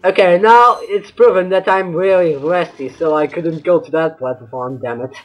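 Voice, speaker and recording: A man's voice: on the high side, normal speed, muffled recording. A man giving casual, bantering gameplay commentary as a let's-play host, sometimes mock-exasperated. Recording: game music behind. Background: video game music.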